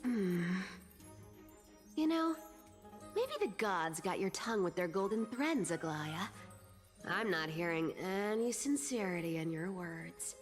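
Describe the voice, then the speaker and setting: A woman's voice: fairly low pitch, expressive, unhurried, big-room sound, faint music behind. A woman voicing a sly, teasing young female thief with a cat-like, playful manner in a video game.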